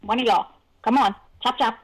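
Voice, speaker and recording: A woman's voice: on the high side, steady tone, normal speed, noisy background. A woman co-hosting a casual podcast chat, upbeat and chatty, reading out viewer comments. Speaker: podcast co-host.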